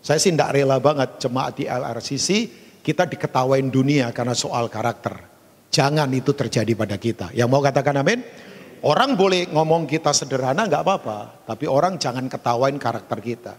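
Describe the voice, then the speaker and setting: A male pastor preaching a sermon, animated and acting out stories with big jumps in pitch. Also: a little fast, husky. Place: church hall. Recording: long hall reverb.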